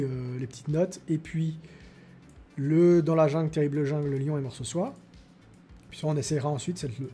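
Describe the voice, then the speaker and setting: Mellow male tech video host. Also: a little high. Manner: explanatory, many fillers. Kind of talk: casual tech demo.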